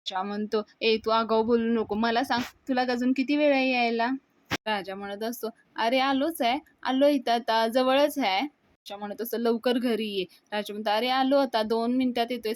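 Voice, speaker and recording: Woman retelling a serial with a lively voice. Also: on the high side, no echo. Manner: lively retelling, her voice rising for each quoted character's line. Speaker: TV serial episode reviewer. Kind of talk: retelling a TV serial episode, quoting the characters' lines.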